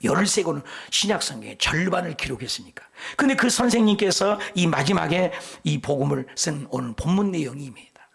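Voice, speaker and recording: Middle-aged male pastor with a rough, breathy voice and lively pitch, preaching with jokes and sudden whispers. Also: a little fast, few pauses. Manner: animated preaching, drops to whispers for emphasis; tells folksy jokes between scripture points. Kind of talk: sermon.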